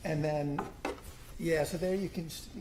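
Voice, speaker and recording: At a public meeting in a city hall room, a middle-aged homeowner informally presents his own plans to the city commission, with many ums and restarts. His voice is a little high and a little mellow, steady in tone and measured in pace, over slight background noise.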